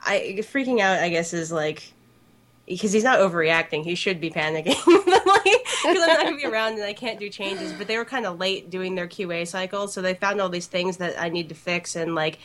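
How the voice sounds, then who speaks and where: A woman co-hosts a podcast in a casual, giggly way. Her voice sits a little low, and her sentences are loose and full of filler words. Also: lively intonation, a little fast, a bit bright. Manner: giggly, peppers talk with "like". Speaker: podcast co-host. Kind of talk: casual chat.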